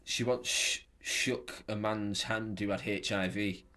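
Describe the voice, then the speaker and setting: Casual young man with a low voice. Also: fairly even intonation, slow pace, bright, forceful tone. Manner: chatty, stammering restarts, agreeable. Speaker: podcast co-host. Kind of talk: casual chat.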